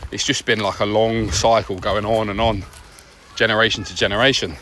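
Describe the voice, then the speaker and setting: On a dog walk, this podcast host speaks a reflective, earnest monologue, conversational and broken into short phrases with pauses. He has a fairly low pitch and a steady, bright, forceful tone, recorded outdoors amid noisy nature ambience.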